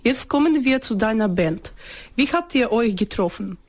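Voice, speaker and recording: Woman interviewer with a higher voice. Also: expressive, moderate pace. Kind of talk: interview questions.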